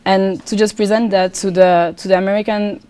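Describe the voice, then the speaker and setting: Answering interview questions in a casual setting, this young Congolese woman, a pageant contestant and student guest from the DRC, has a French accent and a clear, resonant, dark medium-pitched voice with fairly even intonation. She's earnest, though she frequently halts and restarts.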